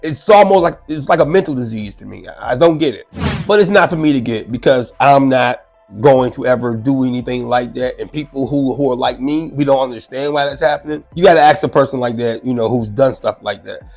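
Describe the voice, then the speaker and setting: Soft music plays behind a mid-range male voice that moves fairly quickly, with some vocal fry. The congested, sick show host chats animatedly and casually about a news clip, repeating himself.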